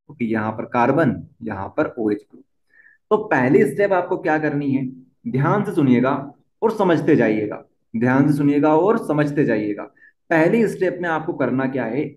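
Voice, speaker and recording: A young man teaching a chemistry lesson, often repeating key points and asking the class questions. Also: medium pitch. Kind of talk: board-exam lesson at a whiteboard. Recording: dull, echoey room.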